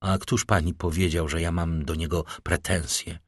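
A man voicing a middle-aged, vengeful nobleman who speaks with icy calm and bitter irony. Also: sits low, moderate pace, slightly rough, no echo, clean studio sound, pitched below the performer's own voice.

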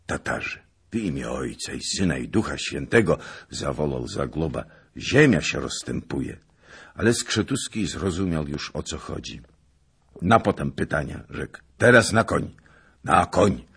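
Male audiobook narrator, extremely low, husky voice, unhurried delivery. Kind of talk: audiobook reading of a historical novel.

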